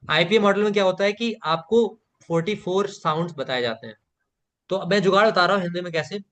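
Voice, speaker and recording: A man's voice: high voice, fast, fairly bright tone. A man teaching a live online spoken English class, patiently repeating phrases for learners to echo and praising students by name.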